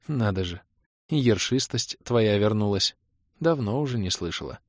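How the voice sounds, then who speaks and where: A man's voice: lowish voice, expressive, no room sound, clean studio sound. A man voicing a worried middle-aged mother who nags and fires off anxious questions. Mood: sighing. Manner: anxious, nagging, rapid questions.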